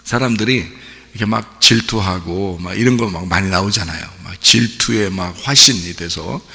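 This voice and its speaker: Man, pastor, chatty sermon, rhetorical questions, gravelly voice, reverberant church hall. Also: deep voice, normal speed, bright, forceful tone. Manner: conversational, many rhetorical questions to the congregation, acts out quotes. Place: church sanctuary.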